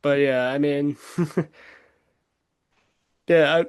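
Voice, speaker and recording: A man's voice: fairly high pitch, fairly even intonation, very slow, clear, resonant tone. A man chatting casually as co-host, rambling with many fillers and frequent laughs. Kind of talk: casual chat.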